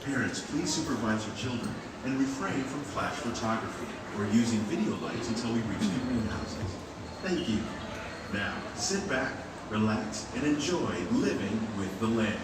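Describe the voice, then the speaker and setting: Male PA announcer, airport-announcement style, formal and measured; very echoey, distant in loud noise. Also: medium pitch, lively intonation. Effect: played over public address speakers. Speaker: theme park ride announcer and narrator. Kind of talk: airport-style public safety announcement, scripted. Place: indoor theme park boat ride, picked up from loudspeakers.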